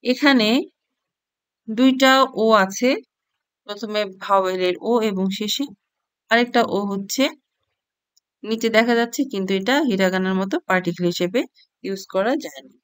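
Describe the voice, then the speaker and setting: Woman, language teacher, smooth clear voice, dry close sound, reads syllables one by one. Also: mid-range voice, normal speed, long pauses, no echo. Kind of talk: slow spoken lesson, reading out a chart.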